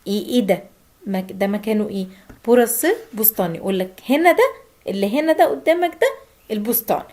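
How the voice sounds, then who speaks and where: A woman with an Egyptian Arabic accent teaching a language lesson, slowing right down for the example phrases. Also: mid-range voice, expressive, a little mellow. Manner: slow, drawn-out Turkish example phrases between Arabic explanations.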